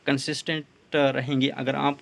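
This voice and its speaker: Man, English teacher, explanatory lesson, repeats slow English phrases. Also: mid-range voice, little pitch movement, gravelly, fairly bright tone. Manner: repeats points in Urdu and slow English examples. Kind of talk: explaining English tips in Urdu.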